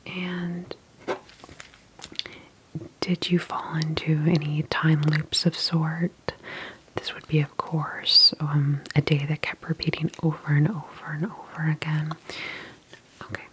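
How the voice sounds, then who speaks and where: Her voice sitting low, a woman whispers gently in the role of a calm healthcare specialist for an ASMR video. The delivery is breathy, attentive, slow, and reassuring in a professional way, and background noise is present.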